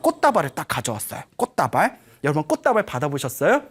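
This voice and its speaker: A male Buddhist monk preaching to an audience, his pitch swinging widely as he tells a story and acts out its voices. His delivery is playful and humorous, with sudden shifts between loud and soft speech, and he keeps checking in with his listeners. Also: wildly swooping pitch, fast, husky. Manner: storytelling with acted quotes, frequent "예?" to the audience. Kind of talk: Dharma talk to an audience.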